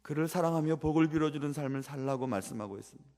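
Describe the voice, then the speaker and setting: A man's voice: a little high, racing, a little mellow. A male pastor delivering a sermon in a church sanctuary, preaching with an earnest, repetitive cadence. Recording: long church-hall reverb.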